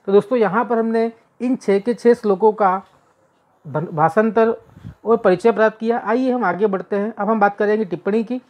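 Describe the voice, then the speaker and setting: A woman's voice: mid-range voice, moderate pace, darkish tone. A woman teacher explaining a textbook lesson, going through words one by one, repeating herself and correcting her slips. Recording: dull lo-fi recording.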